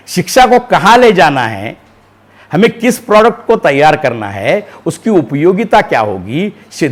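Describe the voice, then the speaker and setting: A man giving a lecture on education, oratorical, posing rhetorical questions and swinging between loud and soft. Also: fairly high pitch. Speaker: webinar speaker on education. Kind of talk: public lecture.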